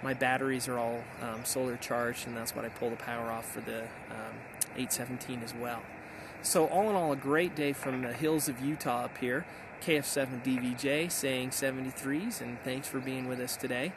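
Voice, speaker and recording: Hardly pausing, a middle-aged American man keeps a steady tone and moderate pace in his mid-range voice. He is an amateur radio operator vlogging outdoors in hilly backcountry, offering an enthusiastic, casual summary over outdoor background noise.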